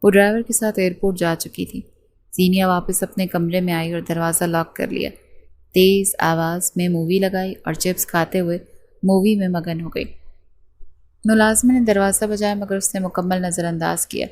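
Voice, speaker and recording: Woman narrating a romance novel. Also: fairly low pitch. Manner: steady storytelling read.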